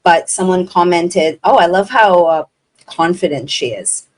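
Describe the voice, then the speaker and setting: Speaking in a fairly low voice at a slightly slow pace, this interview host from Montreal, Canada, is not a native English speaker. She leads a casual chat earnestly and effusively, retelling conversations along the way.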